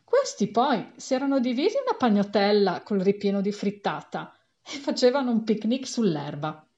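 A woman reading a children's story aloud with an animated, theatrical delivery. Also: medium pitch, normal speed, lo-fi sound.

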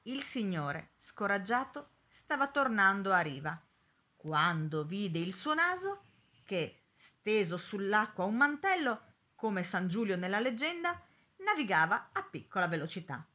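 A woman narrating a storybook in an expressive, lively way. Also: mid-range voice, measured pace.

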